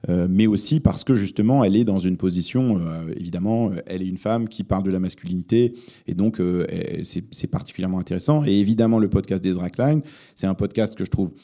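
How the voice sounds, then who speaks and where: Thoughtful man with a dark, low voice. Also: quick pace. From Lebanon. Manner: thoughtful, many hesitations and fillers. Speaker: journalist and podcast host, guest here. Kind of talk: reflective interview answers.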